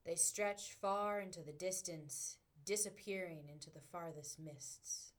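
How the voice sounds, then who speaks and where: A woman narrating a guided visualization with calm, measured storytelling. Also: lowish voice. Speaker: guided meditation leader.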